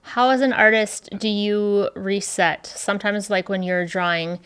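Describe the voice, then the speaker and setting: A woman's voice: mid-range voice, steady tone, measured pace, a bit bright, smooth. A woman hosting a casual interview, upbeat and encouraging. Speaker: podcast host.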